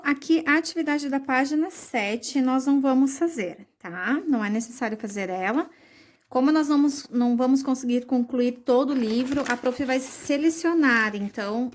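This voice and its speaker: A woman teaching young children a recorded lesson, explaining slowly and patiently, with many diminutives. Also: high-pitched. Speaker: primary school teacher.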